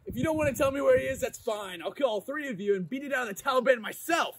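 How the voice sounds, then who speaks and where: A man's voice: very high voice, lively intonation, fast, background noise. A young man playing a blustering gunman. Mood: threatening. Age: young adult. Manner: blustering threats, comic. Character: young man searching for a kidnapped boy, threatening. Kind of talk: amateur fan film acting. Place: outdoors in a parking lot.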